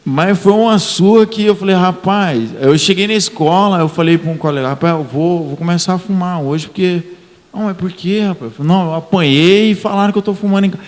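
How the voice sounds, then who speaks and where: Man, São Paulo accent, chatty storyteller, fairly high voice, church reverb. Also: fairly quick. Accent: São Paulo Portuguese. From Brazil. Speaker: youth group member. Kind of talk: casual testimony.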